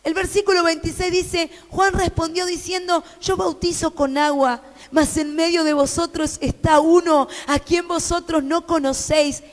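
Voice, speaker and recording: A woman pastor with an Argentine accent preaching a sermon, fervent and repetitive, building to shouted proclamations. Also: very high voice, steady tone, normal speed, hardly any pauses, in a large hall. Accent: Argentine Spanish.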